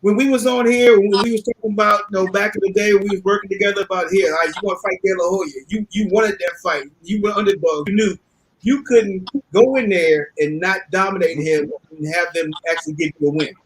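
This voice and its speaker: A man's voice: high voice, a little fast, slight background noise, low-quality recording. A man hosting a casual boxing panel chat, talking informally and repeating phrases for emphasis. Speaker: host.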